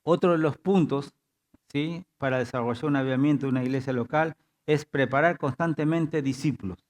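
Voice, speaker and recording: A man's voice: medium pitch, brisk. A male pastor preaching a sermon in church, often prompting the congregation with "diga" and checking in with "¿sí?". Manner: repeats "diga" and "¿sí?" to engage the congregation.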